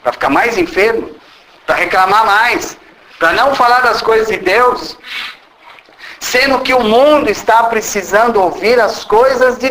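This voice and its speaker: Man delivering a channeled spiritist lecture in a meeting room, bright and sharp voice, full of rhetorical questions. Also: high-pitched, a little hiss or hum, rough recording. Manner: rhetorical questions, frequent tag questions; speaks as a disembodied spirit guide. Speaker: spiritist medium giving a talk.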